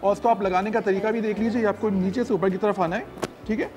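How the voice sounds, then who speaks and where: A man's voice: high voice, fairly even intonation, fast, darkish tone, faint music behind. A man, a doctor guest on a TV morning show, explaining a skincare demonstration step by step in a studio. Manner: explanatory, checks in with listeners. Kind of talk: product demonstration.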